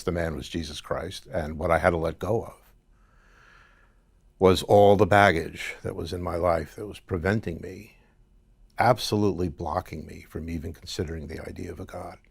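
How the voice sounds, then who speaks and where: A middle-aged man interviewed as a guest, telling his story in a halting conversational way with many restarts. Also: low-pitched, vocal fry, slightly rough, dry recording. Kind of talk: conversational testimony.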